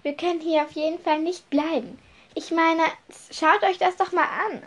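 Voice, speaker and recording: A woman voicing a middle-aged female professor who speaks briskly and dismissively. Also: high-pitched, big pitch swings, gravelly, breathy edge, full character voice.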